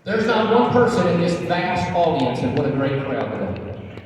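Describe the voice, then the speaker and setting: High-pitched American preacher roaring in a hall. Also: male voice, sing-song, moderate pace, recorded from a distance, noisy background. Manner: emphatic, repetitive build-ups for effect. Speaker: pastor preaching at a conference. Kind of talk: roaring, rallying political sermon. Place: large auditorium with audience. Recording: echoey large hall, crowd reacting. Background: audience shouts and reactions.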